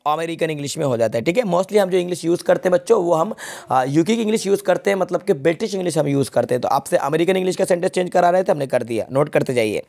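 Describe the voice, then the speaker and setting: Guy going through an exam paper, a bit high voice, dry close sound. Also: expressive, fast, a little mellow, no room sound. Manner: explains step by step, often checks "clear?" with students. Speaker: English teacher. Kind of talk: exam paper walkthrough lesson.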